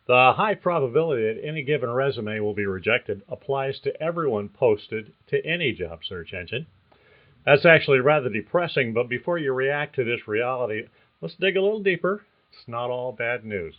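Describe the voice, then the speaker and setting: An older man hosts a career podcast, delivering a scripted monologue with a folksy, reassuring coaching style. His voice is mid-pitched for a man, expressive and moderately paced. The recording comes across as slightly dull and lo-fi.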